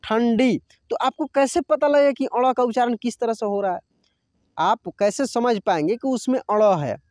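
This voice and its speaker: A man's voice: very high voice, normal speed, darkish tone, dry recording, studio quality. A man teaching a Hindi reading lesson over a screen recording, patiently repeating each word aloud.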